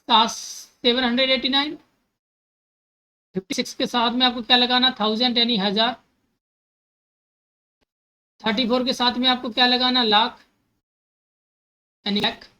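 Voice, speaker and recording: Woman math teacher, bright and fairly high voice, patient step-by-step explainer who mixes in terms. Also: moderate pace, pauses often, poor audio. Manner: repeats steps and asks herself questions, corrects slips.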